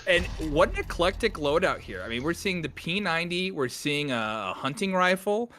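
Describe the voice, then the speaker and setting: A man calling a video game match as co-caster, joking between quick play-by-play calls. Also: on the high side, animated, sharp tone, a little hiss or hum. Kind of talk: play-by-play esports commentary.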